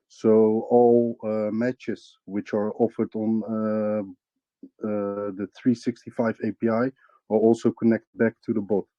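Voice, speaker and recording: A man's voice: fairly low pitch, level tone, measured pace, warm tone, dry recording, dull audio. A man representing a crypto project, answering interview questions hesitantly with many fillers and restarts.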